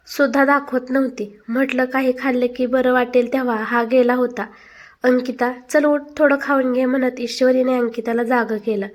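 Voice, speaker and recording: A woman narrating a family story, reading every character's lines herself. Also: high-pitched. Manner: reads all characters' dialogue in one steady narrating voice.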